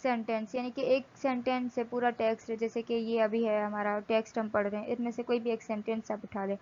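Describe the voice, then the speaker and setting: A woman lecturing from slides, reading English text slowly and explaining it in Hindi. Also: a little high, flat delivery, darkish tone, highs cut off.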